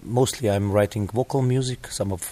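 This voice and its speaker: A middle-aged man from Slovenia with a Slovenian accent, a composer and music teacher, answering interview questions in halting English with many pauses. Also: fairly low pitch, fairly even intonation, dark tone.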